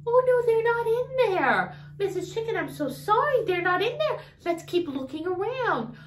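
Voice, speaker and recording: A middle-aged woman hosting a lesson for toddlers, speaking in an exaggerated, encouraging way and pausing for answers. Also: extremely high pitch, big pitch swings, reverberant. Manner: exaggerated, encouraging teacher talk with questions and pauses for answers. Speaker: children's educational show host. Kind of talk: toddler lesson addressed to children.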